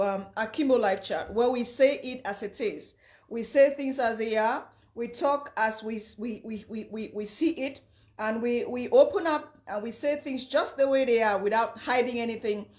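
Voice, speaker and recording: A young woman from Cameroon hosts a casual livestream chat, greeting viewers by name and often repeating herself. Her voice is fairly high-pitched and slightly hoarse.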